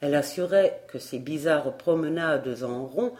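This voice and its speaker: Slow, mellow woman reading a tale. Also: low-pitched. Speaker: audiobook reader. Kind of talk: scripted storybook narration.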